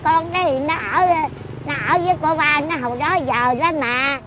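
A woman's voice: high voice, normal speed, background noise. A woman in her eighties chatting casually outdoors, blunt and teasing as she scolds the person she talks with. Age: 80s. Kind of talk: casual chat.

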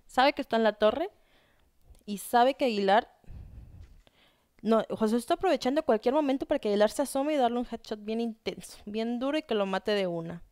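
Young woman, excitable game-tournament caster, high clear voice, dry close sound. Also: brisk, dry recording. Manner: excitable, talks straight to viewers. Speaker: tournament commentator. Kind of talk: live video game commentary.

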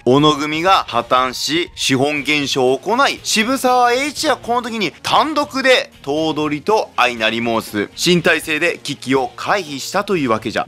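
A man's voice: fairly high pitch, sharp tone. A man explaining history as a channel host in the persona of a samurai warlord, with archaic wording and emphatic, theatrical delivery.

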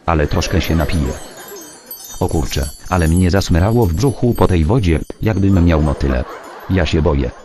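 A man's voice: deep voice, expressive, normal speed, warm tone, soft background music. A man voicing a timid, anxious young man who frets and hesitates. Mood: fretful. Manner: fretful, hesitant. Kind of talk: amateur comedy voice acting.

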